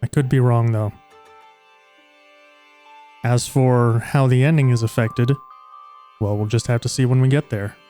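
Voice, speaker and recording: Joking man streamer with a dark voice. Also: mid-range voice, steady tone, measured pace, long pauses, soft background music. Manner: joking, crude, chatty asides. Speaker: gaming streamer. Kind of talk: casual game commentary.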